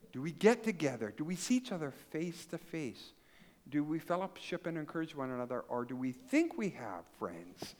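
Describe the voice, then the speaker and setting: A man preaching to a congregation of children and adults, telling a story and asking the crowd questions. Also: fairly high pitch. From Canada. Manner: animated storytelling, acts out voices and asks the crowd questions. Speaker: pastor.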